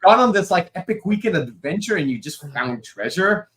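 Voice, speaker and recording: Here the Israeli guest, a creative director and comic writer in his forties, sounds very animated, with a high, fairly bright voice at ordinary speed. He chats in Hebrew, rambling casually through the interview with fillers and side remarks.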